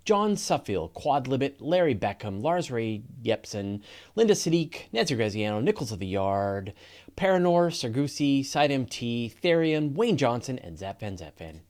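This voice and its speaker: A man's voice: medium pitch, very animated, normal speed, a little mellow. A Canadian man hosting a live podcast in casual, rambling chat, often laughing. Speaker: podcast host.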